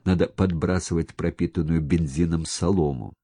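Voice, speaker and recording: A man's voice: low-pitched, fairly even intonation, normal speed, warm tone. A man voicing a wry, talkative soldier who jokes and gives orders while rowing. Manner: joking, bossy.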